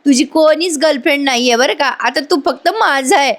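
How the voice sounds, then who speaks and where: A woman's voice: high-pitched, brisk, a bit bright, voice pushed up. A woman voicing a scheming young woman who babbles broken English, flustered and jumbled. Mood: teasing.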